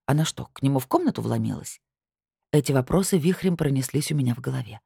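A woman reads a novel in the first person, her voice low-set but moving freely. The reading is expressive, and the recording is dry and close. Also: fast, vocal fry, breathy edge, dry recording. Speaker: audiobook narrator. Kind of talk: first-person audiobook narration.

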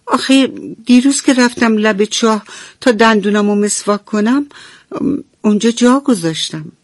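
A woman voicing a small, mischievous and forgetful lamb in a radio bedtime story, with a high childlike plea. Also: dry recording, studio quality, natural voice. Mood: pleading. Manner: pleading, childlike.

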